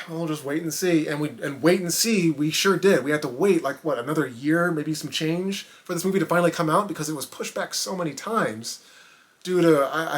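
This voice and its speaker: A man giving a casual, rambling spoken film review, often restarting his sentences and swinging from loud to quiet. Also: on the high side. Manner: rambling, frequent restarts, animated swings in loudness. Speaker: movie reviewer.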